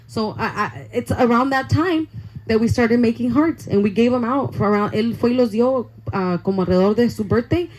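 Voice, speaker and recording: A young adult woman, a youth pastor, telling an excitable, chatty testimony sermon to young people and saying "like" a lot. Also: a little high, brisk, slight background noise, poor audio. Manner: excitable, chatty storytelling full of "like".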